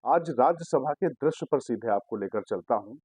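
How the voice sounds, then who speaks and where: A man's voice: medium pitch, lively intonation, moderate pace, darkish tone, husky, dry recording. A man hosting a digital political news show, giving assertive commentary and explaining a clip to viewers.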